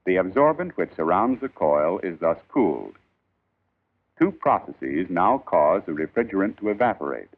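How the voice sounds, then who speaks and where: A man reading a scripted 1940s instructional film in a formal, measured, emphatic old newsreel narrator style. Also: low-pitched. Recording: tinny band-limited 1940s film soundtrack.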